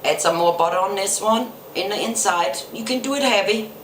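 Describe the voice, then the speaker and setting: A woman's voice: medium pitch, brisk, roomy sound, slight background noise. A woman from Germany with a German accent, explaining a cooking recipe step by step with small grammar slips. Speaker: home cook. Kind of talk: cooking demonstration. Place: home kitchen.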